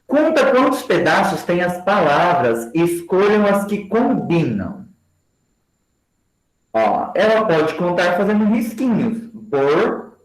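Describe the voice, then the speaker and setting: A man giving a training lecture to teachers and slowly spelling out example words for his class. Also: sits high, very animated. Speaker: education lecturer. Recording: roomy echo.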